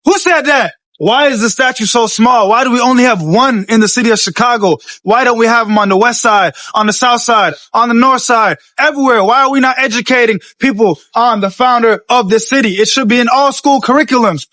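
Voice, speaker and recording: A man's voice: very high voice, brisk, hardly any pauses, sharp tone, no room sound. A man giving a rousing outdoor speech beside a statue, firing off rhetorical questions. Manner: rhetorical, declamatory. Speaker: activist speaking at a statue.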